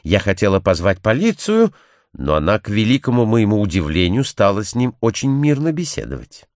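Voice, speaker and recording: Timid young woman recounting a secret, earnest and measured, lively intonation; male reader doing her. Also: lowish voice, dry recording, studio quality.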